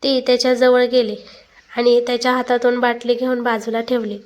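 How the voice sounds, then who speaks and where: A woman reading a family drama aloud as the storyteller, steady and emotive. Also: fairly high pitch, brisk. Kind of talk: storybook narration.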